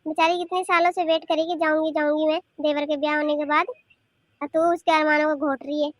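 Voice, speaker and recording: A woman voicing a bossy, sharp-tongued grandmother in a cartoon, nagging and scolding. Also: high-pitched, flat delivery, fairly quick, no echo, clean studio sound, close to an everyday voice. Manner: scolding, nagging rhetorical questions. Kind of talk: cartoon voice acting.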